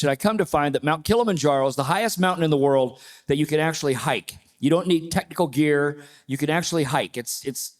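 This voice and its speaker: A man in his sixties, a panelist telling a personal story with lively, acted-out quotes. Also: fairly high pitch. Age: 60s. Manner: animated storyteller, acts out quoted voices.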